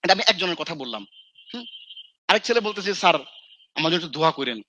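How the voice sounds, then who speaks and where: A man's voice: a little high, very animated, quick pace, pushed and bright, no room sound. A man from Bangladesh, mentoring students in casual talk, who acts out his scolding and mixes in English phrases. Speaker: Islamic scholar and mentor.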